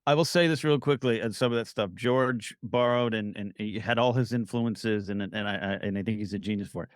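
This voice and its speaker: A man's voice: fairly low pitch, brisk, no echo, studio quality. A middle-aged man chatting casually in a conversational, teasing way. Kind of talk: casual chat.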